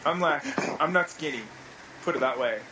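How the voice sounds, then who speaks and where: A man's voice: a little high, moderate pace, background noise. Swearing thirty-something Australian man. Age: 30s. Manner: casual, swears freely, rambling anecdotes. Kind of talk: casual chat.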